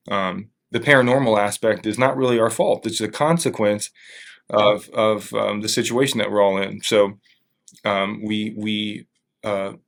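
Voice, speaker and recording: Man, interviewee, lowish voice; careful, halting explanations in a thoughtful conversational register. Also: creaky. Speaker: museum staff member being interviewed.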